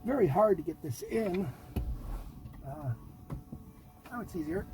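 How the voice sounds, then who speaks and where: His voice is high-pitched with lively intonation, and he talks a little slowly. This middle-aged man hosts a DIY car project, casually and folksily thinking aloud through a hands-on job in a vehicle cabin with the doors open, while clear background noise and handling clicks come through.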